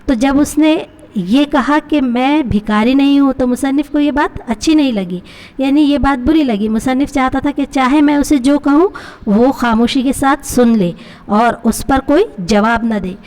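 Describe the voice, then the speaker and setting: A woman's voice: high-pitched, a little mellow. A woman teacher with a Pakistani accent, reading a story to her class and explaining each line with questions to her pupils. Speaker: Urdu teacher.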